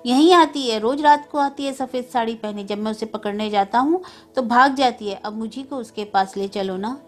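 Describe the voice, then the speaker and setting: A woman's voice: on the high side, normal speed, soft background music, lightly acted. A woman voicing a pleading little boy. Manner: pleading, insistent. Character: grieving small boy missing his dead mother.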